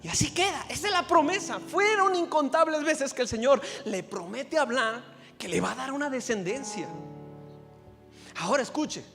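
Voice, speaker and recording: Young Mexican pastor, very high, emphatic preaching voice with repeated phrases; church hall reverb over faint music. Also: male voice, animated, moderate pace, gravelly. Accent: Mexican Spanish. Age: 20s. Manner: emphatic, repeating phrases and rising to loud peaks. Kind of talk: sermon. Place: church sanctuary.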